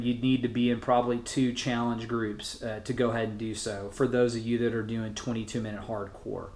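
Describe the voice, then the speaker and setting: Man, mid-pitched voice, casual fitness coach, encouraging, plain-spoken, roomy echo. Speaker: fitness challenge group coach. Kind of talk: informal motivational group message. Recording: roomy, echoing sound.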